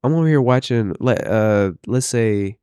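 A man's voice: mid-range voice, measured pace, mellow, clear, resonant tone, no echo. A man chatting casually and telling stories in loose, profane slang, often repeating phrases as he builds them up. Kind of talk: casual banter and storytelling.

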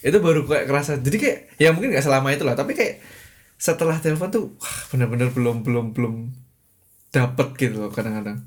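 A man's voice: mid-range voice, animated, fast. Give me a young man in casual chat, rambling with lots of fillers and chuckles. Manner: rambling, heavy use of fillers, chuckles often.

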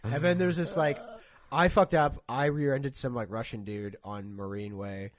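A man's voice: medium pitch, normal speed, dry recording, clean studio sound. A man in casual chat, telling car stories with lots of swearing and acted-out quotes. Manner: swears a lot, animated storytelling with quoted voices.

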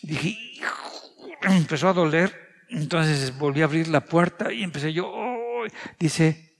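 A man's voice: fairly high pitch, moderate pace. A middle-aged Mexican man preaching a sermon, earnest and confessional, sharing personal stories. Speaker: pastor. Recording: reverberant hall sound.

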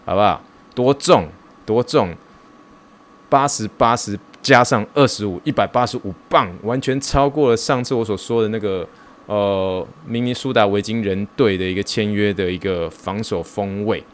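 A man hosting a podcast, talking in a casual, excitable and self-mocking way, mixing in English words. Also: lowish voice, moderate pace. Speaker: podcast host.

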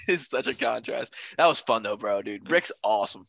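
A man's voice: fairly low pitch, expressive, moderate pace, vocal fry, fairly bright tone, no room sound. A man co-hosting a podcast in casual, slangy banter, laughing often. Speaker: podcast co-host. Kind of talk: casual chat.

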